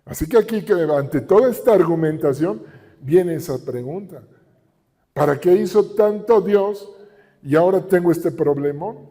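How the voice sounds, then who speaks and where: Slow, mellow-voiced Mexican preacher. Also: male voice, a little high. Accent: Mexican Spanish. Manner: emphatic preaching with repeated phrases and rhetorical questions. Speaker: pastor. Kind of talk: sermon. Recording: reverberant hall.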